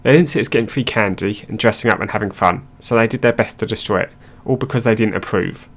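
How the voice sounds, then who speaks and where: A man with a fairly low voice reads stories aloud. His delivery is plain and steady, like someone working through a list of online posts. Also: fast talker. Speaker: narrator.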